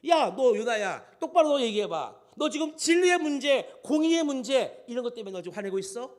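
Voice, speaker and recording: A preacher giving voice to God rebuking a selfish prophet, firing off sharp scolding questions. The delivery is high and swings lively from line to line. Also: male voice. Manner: scolding, rapid pointed questions.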